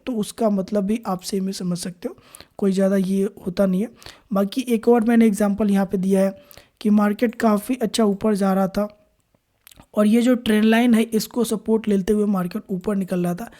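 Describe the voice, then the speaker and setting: A woman teaching a beginner trading lesson over charts, explaining step by step with frequent pauses and restarts, with terms. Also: mid-range voice, mellow. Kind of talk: screen-recorded chart lesson.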